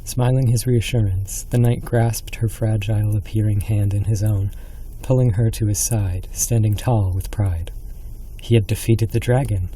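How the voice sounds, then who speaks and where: A man's voice: fairly low pitch, steady tone, moderate pace, warm tone, slight background noise. A man reading a scripted horror story as a dramatic narrator.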